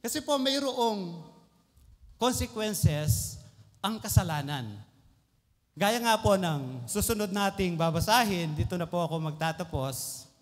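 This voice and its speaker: High-voiced man preaching in a hall. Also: lively intonation, unhurried. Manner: mixes Tagalog and English, polite po throughout. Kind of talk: sermon. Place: church hall. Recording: reverberant church hall.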